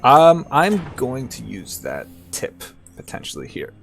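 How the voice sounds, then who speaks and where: A man's voice: medium pitch, wildly swooping pitch, unhurried, gravelly, music in the background. A man giving casual let's play commentary as he plays and narrates a game.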